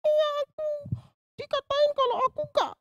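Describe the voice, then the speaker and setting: A man voicing a crying little girl in a children's puppet show, whiny and squeaky. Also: steady tone, moderate pace, dry recording, dull audio. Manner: whiny, tearful, high-pitched. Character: crying, sulking little girl who was teased.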